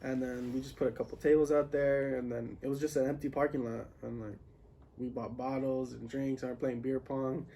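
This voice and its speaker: A man's voice: medium pitch, flat delivery, a little fast, creaky, warm tone, recorded from a distance. A young man co-hosting a podcast, telling a party story in laid-back slang. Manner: laid-back slangy talk, laughs often. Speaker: podcast co-host. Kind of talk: casual storytelling among friends.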